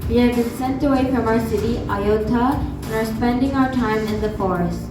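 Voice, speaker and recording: A woman voicing a gentle young princess in a staged story, sweet and pleading. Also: on the high side, normal speed, lightly acted. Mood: polite. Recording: echoey hall from far off, music behind.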